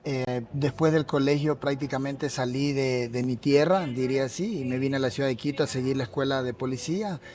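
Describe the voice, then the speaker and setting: A man with a coastal Ecuadorian accent, a mountaineer and police officer, telling his story in an earnest, halting way during a café interview. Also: medium pitch, a little mellow. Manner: earnest, repeats words while searching for them. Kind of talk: casual interview.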